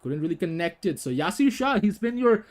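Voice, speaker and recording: High-voiced young man commentating a cricket game. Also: big pitch swings, fairly quick. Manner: chatty, laughs often, fillers. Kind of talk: casual gaming cricket commentary.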